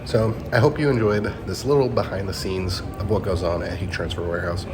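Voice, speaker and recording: A man's voice: low-pitched, fairly even intonation, fairly quick. A man casually presenting an upbeat, informal walking tour vlog as the host, inside a warehouse. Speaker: host of a video channel. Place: warehouse facility, indoors. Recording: music bed over the voice. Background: loud background music.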